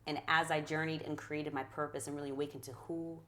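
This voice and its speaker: A woman's voice: deep voice, level tone, fast, sharp tone, a little hiss or hum. A middle-aged woman, a guest speaker in an interview, talking in a passionate, affirming way with a preacher-like rhythm. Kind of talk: conversational interview.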